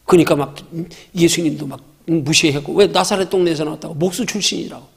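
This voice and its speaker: 성경공부 시간에 설교하는 남자 목사로, 반말로 청중에게 직접 말을 걸며 수사적 질문을 자주 던진다. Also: male voice, fairly high pitch, quick pace, vocal fry, slightly rough. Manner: emphatic, talks directly to listeners in casual speech, rhetorical questions. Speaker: pastor. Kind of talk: Bible study sermon.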